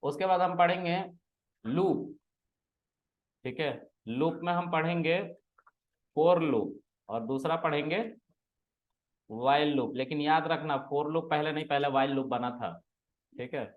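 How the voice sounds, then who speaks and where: A man's voice: fairly high pitch, measured pace, long pauses, phone-quality sound. A man teaching a programming class, casually quizzing and teasing his students in a classroom. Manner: teasing, asks students questions and scolds them.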